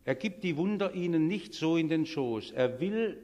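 A man preaching a sermon, emphatic, swinging between loud declarations and quiet asides, speaking straight to the congregation. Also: a little high, animated, normal speed, in a large hall, highs cut off. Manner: addresses the congregation directly. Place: church service.

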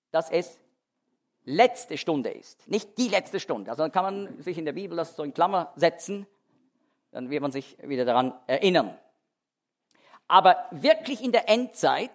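A man teaching a sermon verse by verse, explaining emphatically and often restarting his sentences. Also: sits high. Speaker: Bible teacher. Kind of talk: expository sermon.

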